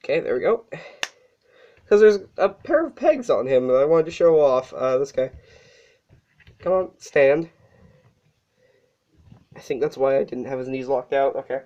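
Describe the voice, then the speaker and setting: A casual toy reviewer who sounds sick and a bit out of breath. The voice is mellow and relaxed, and the speaker stops to correct themselves along the way. The recording is dull and lo-fi. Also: mid-range voice, unhurried, long pauses. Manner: casual, with fillers and self-corrections.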